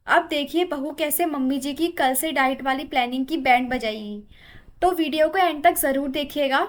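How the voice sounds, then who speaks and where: A woman host giving an upbeat, promotional intro to a comedy video. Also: high-pitched. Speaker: channel host.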